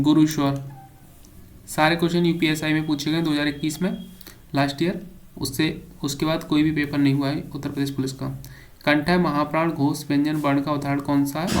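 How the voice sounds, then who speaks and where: A male teacher, his voice a little high, runs an exam-prep lesson. He reads each question aloud, then gives the answer with a brief explanation.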